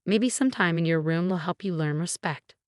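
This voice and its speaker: A menacing stepfather, quiet and controlling, voiced by a woman. The voice is low and close, with no room sound, and it stays flat and even. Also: moderate pace, no room sound, close to an everyday voice. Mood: cold.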